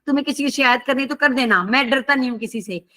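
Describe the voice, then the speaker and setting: A woman's voice: high-pitched, fast talker, sharp tone. A woman voicing an innocent, childlike young male saint who protests playfully. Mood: defiant.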